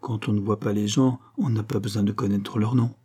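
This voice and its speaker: A man's voice: on the low side, fairly even intonation, a little fast, dark tone, breathy edge. A man voicing a frank, plain-spoken young country woman. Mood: guarded.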